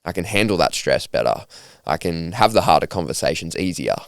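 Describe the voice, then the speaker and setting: A young Australian man telling stories in a relaxed, upbeat, slangy conversational way as a podcast guest. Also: low-pitched, brisk, vocal fry, clear, resonant tone, no room sound, studio quality. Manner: laid-back, upbeat slangy talk with frequent laughs. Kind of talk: casual conversational storytelling.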